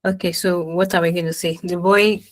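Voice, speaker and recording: A woman hosting a live online session, slowly repeating dictated phrases back as she types them. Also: fairly low pitch, level tone, no room sound, rough recording. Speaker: session host. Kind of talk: live online teaching demo.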